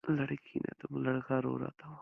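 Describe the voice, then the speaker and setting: A young man talks to his wife over the phone in a rough, gravelly voice. His pitch barely moves as he reassures her and rambles on with affectionate explanations. The recording is dull and muffled, like a phone call. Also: little pitch movement, moderate pace, no room sound. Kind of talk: intimate phone conversation.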